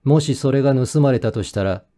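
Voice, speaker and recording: A man reading a first-person mystery as an audiobook narrator, in steady, measured storytelling. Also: mid-range voice.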